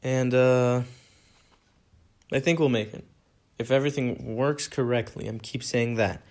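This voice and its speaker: A man's voice: medium pitch, fairly even intonation, unhurried, darkish tone. A young man from America hosting a solo podcast, answering fan questions in an earnest, rambling way that repeats itself. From United States. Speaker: podcast host.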